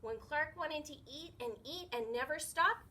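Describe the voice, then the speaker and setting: A woman with a high-sitting voice reads a children's story aloud, expressive and teacherly, stopping now and then to ask her listeners questions.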